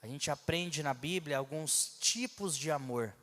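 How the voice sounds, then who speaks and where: A man's voice: fairly high pitch, measured pace, bright, forceful tone, big-room sound. A man preaching a sermon in a conversational, teaching way, with asides and rhetorical questions, from a church pulpit. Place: church hall.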